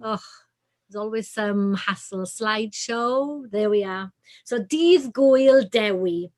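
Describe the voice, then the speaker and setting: A woman's voice: mid-range voice, slow, a little mellow. A woman with a Welsh accent giving an informal, explanatory lecture over a video call, slipping into Welsh phrases. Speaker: guest speaker, professor.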